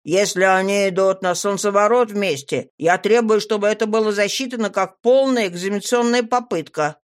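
A woman's voice: mid-range voice, moderate pace, close to an everyday voice. A whiny, demanding young male student, played by a woman reader. He speaks in a nasty, complaining tone in a fantasy audiobook.

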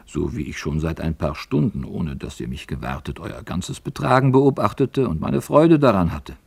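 A man's voice: low voice, lively intonation, moderate pace, gravelly, breathy edge, dry recording, heavily acted. A man voicing an old miner who gives earnest counsel and flares up in anger. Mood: persuasive. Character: old male miner, wise, persuasive, quick to anger.

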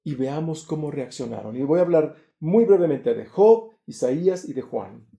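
A man preaches a sermon in a very mellow, dark-toned voice that sits a little high. He is earnest and emphatic. He pushes louder and higher whenever he stresses a point. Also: lively intonation, moderate pace, gravelly, roomy sound.

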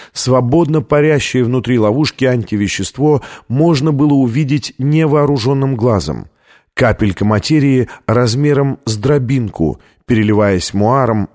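Guy reading an audiobook, even measured pace, mid pitched voice. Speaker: audiobook narrator. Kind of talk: scripted narration.

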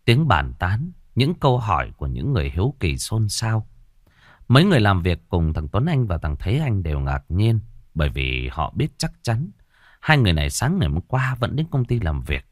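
A man narrating a ghost story with expressive delivery. His very low voice moves in a lively way. The recording is dry and close. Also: moderate pace, no room sound.

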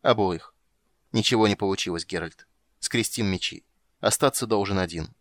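A man voicing a proud, jealous male sorcerer in an audiobook, speaking loudly and bitterly, his voice straining with anger. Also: on the low side, moderate pace, no room sound, close to an everyday voice. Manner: loud, shouting, voice cracking with anger. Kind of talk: audiobook character voice.

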